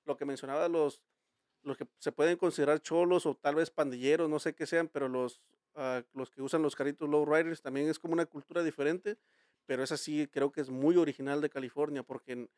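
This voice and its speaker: A man's voice: fairly high pitch, steady tone, a little fast, darkish tone, no echo, clean studio sound. A Mexican man hosting a casual podcast chat, telling rambling, slang-filled stories with many restarts. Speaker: podcast host.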